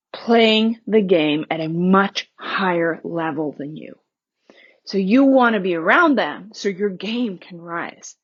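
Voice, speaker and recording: Candid woman podcast host, lo-fi sound. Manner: candid and conversational, laughing now and then, with a lot of pitch movement. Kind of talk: personal storytelling podcast.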